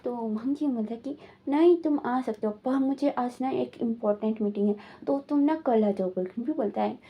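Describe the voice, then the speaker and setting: A woman's voice: fairly high pitch, fairly quick, dull audio. Rambling woman retelling a fan story. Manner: rambling, repeats fillers like "ना" and "बल्कि भी". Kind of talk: casual retelling of a fan fiction.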